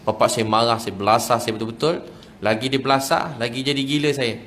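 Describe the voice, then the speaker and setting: A man with a Malaysian Malay accent, preaching a sermon as an animated personal story, often chuckling and dropping to a hush. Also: medium pitch, a little fast, a little hiss or hum. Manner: animated storytelling, often chuckling, shifts between lively and hushed. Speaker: religious preacher.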